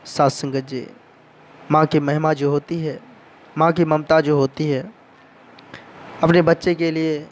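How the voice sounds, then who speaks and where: Man, devotional sermon, storytelling, fairly high voice, respectful address to listeners. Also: level tone, unhurried, long pauses. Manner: repeatedly addresses the congregation respectfully. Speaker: devotional speaker.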